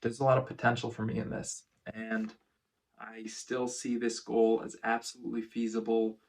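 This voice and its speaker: A man talking casually in a first-person vlog recap, phrasing things in a measured, deliberate way with pauses. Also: lowish voice, monotone. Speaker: vlogger.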